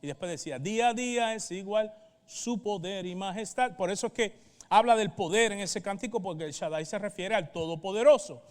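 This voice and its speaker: A Puerto Rican pastor with a high, clear, resonant voice preaches a sermon at a slightly fast pace, in a Puerto Rican accent. He teaches step by step, pausing for short check-in questions, and the sound carries a hall's long reverb.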